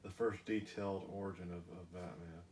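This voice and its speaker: A middle-aged man casually talking through his graded comic collection in slow, measured explanations with some filler words. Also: low voice, fairly even intonation, a little mellow, a little hiss or hum. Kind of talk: casual chat.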